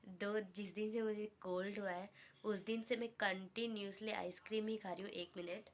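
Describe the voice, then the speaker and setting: A woman vlogger with a hoarse voice from a cold, chatting casually and rambling to her viewers. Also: medium pitch, fairly even intonation, normal speed. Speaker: lifestyle vlogger. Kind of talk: casual vlog talk to viewers.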